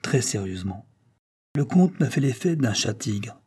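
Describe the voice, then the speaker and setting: A man reading the part of a cold, taciturn young gentleman in an audiobook. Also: mid-range voice, sing-song, unhurried, husky. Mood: serious. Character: grave, anxious young gentleman.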